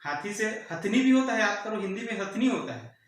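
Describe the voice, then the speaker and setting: A man teaches an exam-prep grammar lesson. He repeats each word and asks the class for the answer, stretching it out slowly. His fairly high voice comes from far off the mic in a very echoey room. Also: animated. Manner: repeats words and quizzes students, drawn-out answers.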